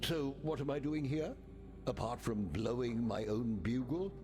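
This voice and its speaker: An actor voicing a pompous, theatrical, melancholy ghost of a marooned sea captain in a video game, with florid delivery and breathy endings. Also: male voice, mid-range voice, measured pace, music in the background, natural voice. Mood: grandiose, wry. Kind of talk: scripted video game character dialogue.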